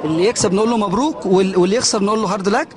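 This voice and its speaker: A man's voice: high voice, racing. A man with an Egyptian accent working as a reporter, doing an on-the-spot interview and prompting with short questions. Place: outside a large stadium. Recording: outdoor crowd noise behind. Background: crowd and urban outdoor noise.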